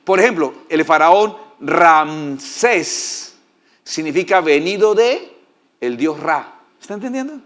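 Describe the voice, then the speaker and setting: Brief: male preacher, sermon, folksy and humorous, fairly high voice. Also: animated, takes it slowly, a bit bright. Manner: folksy, joking, asks the congregation for assent. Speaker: pastor.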